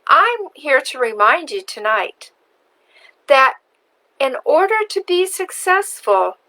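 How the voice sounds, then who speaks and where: A woman with a high, bright voice telling a childhood story in an online video. She takes her time and lingers over each phrase. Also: very animated, poor audio. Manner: slow, deliberate storyteller. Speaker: marketing video host. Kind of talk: storytelling vlog.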